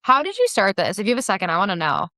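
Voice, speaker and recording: A woman hosting a podcast who asks eager questions and shares her own story in a quick, chatty way. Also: mid-range voice, huge pitch swings, bright, forceful tone, dry recording, clean studio sound. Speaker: podcast host. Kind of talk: interview questions and chat.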